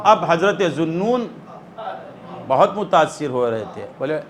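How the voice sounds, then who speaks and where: A man's voice: a little high, expressive. A male preacher tells a devotional story in a sermon, often stopping to ask his listeners whether they have understood. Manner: asks the listeners rhetorical check-ins; retells a story with dramatized quotes. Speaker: preacher leading a weekly zikr gathering.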